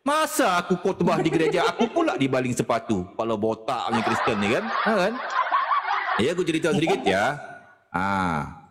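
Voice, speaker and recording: A man telling a funny story in an animated way, often laughing through his words. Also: mid-range voice, normal speed, husky. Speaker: guest speaker. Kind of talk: humorous storytelling. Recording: noisy recording.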